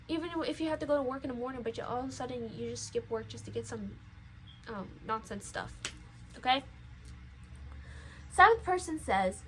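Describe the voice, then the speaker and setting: A woman's voice: high voice, a bit bright, a little hiss or hum, poor audio. A nineteen-year-old woman talking casually to her viewers in a rambling, lecturing way, with many fillers and restarts. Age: young adult. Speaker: vlogger. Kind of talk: casual chat.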